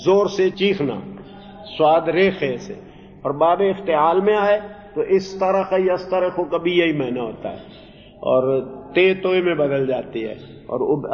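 A man teaching Quranic Arabic grammar, reciting verses slowly and then explaining them in translation. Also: fairly high pitch. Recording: dull lo-fi recording in a reverberant hall.

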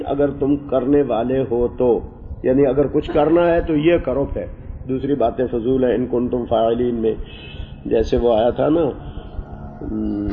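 A man's voice: mid-range voice, slight background noise. Man lecturing in a muffled classroom recording. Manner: explanatory, digressive, recites verse slowly, jokes with students. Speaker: teacher of Quranic Arabic. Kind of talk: classroom lecture on scripture and grammar.

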